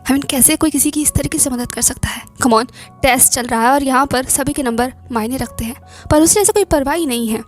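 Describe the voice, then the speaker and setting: A woman narrating a romantic story aloud in the first person, in a soft, reflective manner that often drops to a whisper. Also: high-pitched, fairly quick, faint music behind. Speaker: audiobook narrator.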